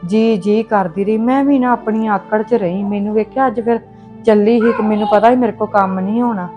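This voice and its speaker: A woman's voice: medium pitch, steady tone, brisk, dull audio, faint music behind, close to an everyday voice. A woman playing a remorseful mother-in-law. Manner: pleading, repentant, affectionate. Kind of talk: Punjabi short film acting.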